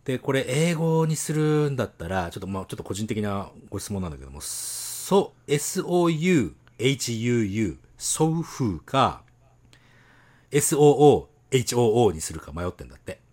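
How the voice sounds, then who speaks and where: A man co-hosting a casual podcast chat, animated and teasing, laughing often. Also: mid-range voice, moderate pace. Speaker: podcast co-host.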